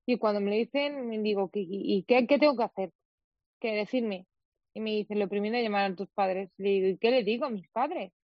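A young woman from Spain speaks as a radio guest and tells a personal story, full of quoted dialogue and restarts. Her voice sits at a middle pitch. The studio sound is dry and a little dull. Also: a little fast, no room sound. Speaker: interview guest, footballer. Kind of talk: emotional personal account in an interview.

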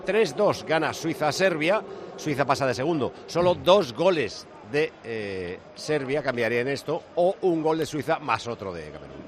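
A man's voice: medium pitch, very animated, moderate pace, a little hiss or hum. A man hosting a live radio sports show, chatting casually and handing off to reporters. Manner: conversational, hands off to reporters.

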